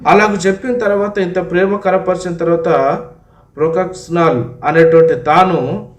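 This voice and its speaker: A man preaching as a pastor, telling a martyr story in a sermon, calling the listeners God's children and pausing often on long fillers. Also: high voice, fairly even intonation. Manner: retells a martyr story with frequent drawn-out fillers. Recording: echoey room, voice from a distant mic.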